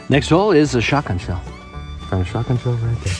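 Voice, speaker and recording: A man narrating a casual outdoor vlog as a metal detecting hobbyist, thinking aloud in a musing, tentative way. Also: mid-range voice. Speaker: metal detecting hobbyist presenting his finds. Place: outdoors in a backyard.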